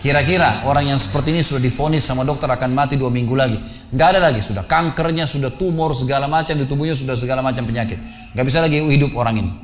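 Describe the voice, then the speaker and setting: A man's voice: mid-range voice, racing, a little hiss or hum. A man preaching a sermon, telling a story with sudden emphatic raised bursts. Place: large mosque.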